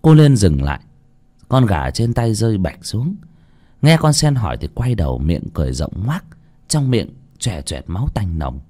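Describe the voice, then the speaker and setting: A man narrating a horror story in a dramatic, expressive way. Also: on the low side, moderate pace.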